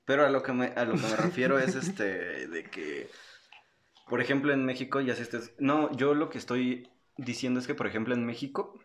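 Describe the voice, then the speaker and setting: A man's voice: medium pitch, moderate pace. A man co-hosting a podcast in casual chat, laughing often and restarting while he explains. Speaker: podcast co-host.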